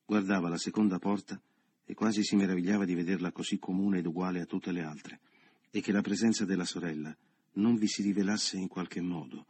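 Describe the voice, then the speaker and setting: A man narrating a literary novel as an audiobook in a measured, subdued reading style. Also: deep voice, darkish tone, husky, dry recording.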